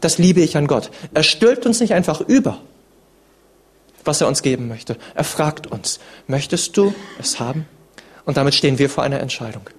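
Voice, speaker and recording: A man preaching a sermon in an earnest, dramatic way, swinging between emphatic lines and hushed ones. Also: on the high side, lively intonation, moderate pace, husky.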